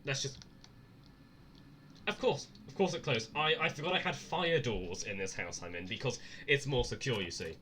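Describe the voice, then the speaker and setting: A man's voice: medium pitch, animated, normal speed, bright, forceful tone. A scared, nervous man giving live horror game commentary with dry sarcasm and frequent swearing.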